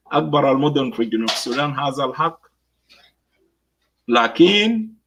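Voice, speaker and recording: A man with a South Sudanese Arabic accent giving political commentary, slipping between Arabic and English and pausing on many fillers. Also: mid-range voice, fairly bright tone, poor audio. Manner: mixes Arabic with English phrases.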